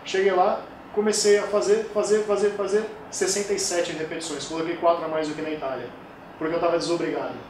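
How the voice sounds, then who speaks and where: His fairly high voice moves fast as this man in his forties, a kettlebell sport coach, tells stories in a casual interview. He brings quoted speech to life by acting it out. The recording comes from a distance in an echoey room with noise behind him.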